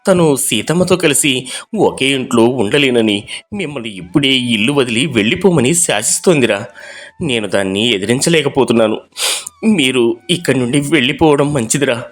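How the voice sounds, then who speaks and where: A man voicing a weak-willed elder brother who speaks in a low, sorrowful, apologetic way. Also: expressive, moderate pace, natural voice.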